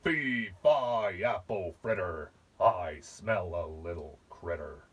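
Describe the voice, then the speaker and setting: A big, gruff storybook giant, put on by a man reading aloud, rumbling low and sniffing out a little intruder. His words come slow and heavy, each one dropped deep into the chest. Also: dull audio, heavily acted. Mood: menacing. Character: huge hungry male giant, gruff.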